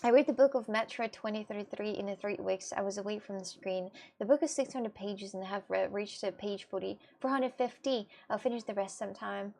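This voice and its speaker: A giggly Russian woman with a gravelly, slightly mellow mid-range voice chats casually with her stream viewers, with a little hiss or hum audible. A native Russian speaker, she speaks hesitant English loaded with fillers.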